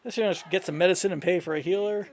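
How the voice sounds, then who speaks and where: A man's voice: sits high, quick pace. A man casually commenting on a video game, joking and improvising as he plays. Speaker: gamer reading and reacting to a game.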